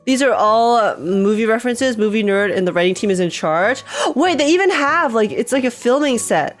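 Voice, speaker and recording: A woman live-streaming a game reaction in casual chat, chatty and excitable, repeating herself and laughing often, with a slightly stuffy nose from just waking up. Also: fairly high pitch, normal speed, soft background music. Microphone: desk microphone with webcam.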